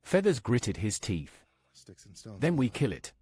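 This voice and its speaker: A man's voice: medium pitch, wildly swooping pitch, slow pace, mellow. A man voicing a grim, weary winged man in a horror story.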